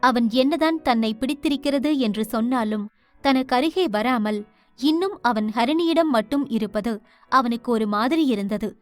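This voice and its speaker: A woman narrating a romance audio novel in steady storytelling style, voicing each character. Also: fairly high pitch, normal speed. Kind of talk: scripted narration.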